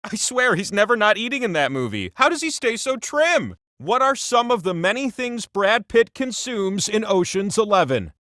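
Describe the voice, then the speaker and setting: A man's voice: high voice, very animated, moderate pace, few pauses, fairly bright tone, dry recording, studio quality. A man voicing a cheeky, vain giant talking wheel that hosts a comedic trivia video game with theatrical, mock-grand sarcasm. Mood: cheeky, showy. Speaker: quiz game host. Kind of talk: comedic game show hosting.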